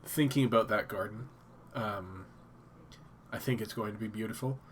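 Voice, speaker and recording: Stuffy-nosed guy chatting on his home stream, loose and rambly, lotta ums, soft room hiss. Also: on the low side, moderate pace. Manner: rambling, thinking aloud with fillers and restarts. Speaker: live stream host. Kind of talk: casual live-stream chat. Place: home office.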